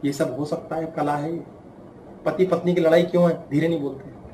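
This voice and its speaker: A man teaching a class in a lively way, stretching out words and acting out little voices. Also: a little high, roomy sound, distant mic, crowd noise, rough recording. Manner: animated, acts out voices and drawn-out words. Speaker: spiritual teacher. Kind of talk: talk to a class. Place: class room.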